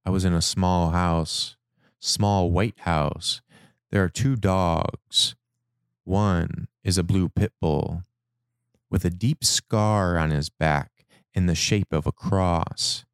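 Deep, smooth-voiced man reading a journal. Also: fairly even intonation, slow pace, no room sound, studio quality. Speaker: narrator. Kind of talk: reading a personal dream journal aloud.

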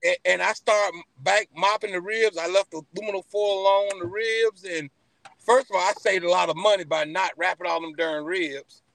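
High-voiced Southern man telling folksy stories. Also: normal speed, creaky. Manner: animated, folksy, repeats phrases for emphasis. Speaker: podcast guest, barbecue pitmaster. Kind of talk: casual storytelling interview.

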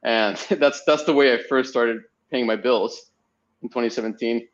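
Podcast guest: young man from Spain, chatty and meandering, mid-pitched, slightly dull lo-fi sound. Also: normal speed. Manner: rambling storytelling with frequent fillers. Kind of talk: casual podcast interview.

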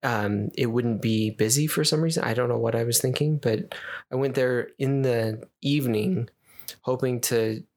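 A man's voice: mid-range voice, normal speed, darkish tone. Easygoing man chatting with filler words. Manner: easygoing, rambling storyteller with frequent fillers. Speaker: podcast co-host. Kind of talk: casual chat.

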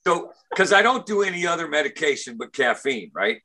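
A man in casual conversation, telling a funny story, animated and often repeating words as he starts sentences. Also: fairly high pitch, fairly quick. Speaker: comedian and recovery speaker.

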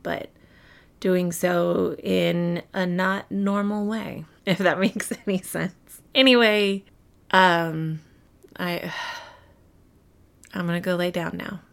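A woman's voice: fairly low pitch, gravelly. A woman hosting a solo podcast, talking casually and candidly straight to her listeners in a chatty way. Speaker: podcast host. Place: bedroom, recorded lying in bed.

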